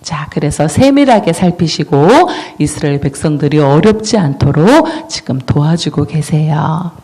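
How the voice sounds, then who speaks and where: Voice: medium pitch, animated, moderate pace, dark tone, breathy edge. A children's ministry preacher telling a Bible story in a children's sermon and asking the children questions.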